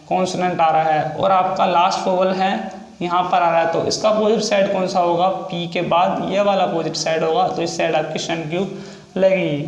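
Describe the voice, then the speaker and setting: A man teaching a shorthand lesson, explaining rules step by step and drawing out each example word slowly as he repeats it. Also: high-pitched, vocal fry, reverberant, low-quality recording. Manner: slow, drawn-out repetition of example words.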